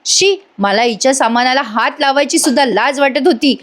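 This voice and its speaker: A woman acts out a household maid, openly disgusted. She speaks in a high voice. It sounds much like the narrator. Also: moderate pace, a bit bright.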